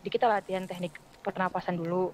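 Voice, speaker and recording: A woman's voice: lowish voice, steady tone, quick pace, darkish tone, slight background noise, low-quality recording. A woman who works as a radio voice-over artist, chatting casually as a podcast guest and explaining her craft with spoken examples. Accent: Indonesian.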